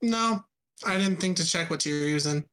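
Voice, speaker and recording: Joking podcast co-host, halting speech. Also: mid-range voice, a bit bright. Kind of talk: casual chat.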